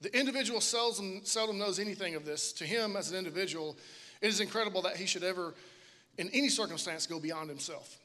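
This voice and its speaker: A man's voice: high voice, fast talker, sharp tone. A man in his thirties, a pastor preaching on stage into a handheld microphone in a large church auditorium, casual and joking, calling out to the congregation. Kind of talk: sermon. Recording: long hall reverb of a large auditorium.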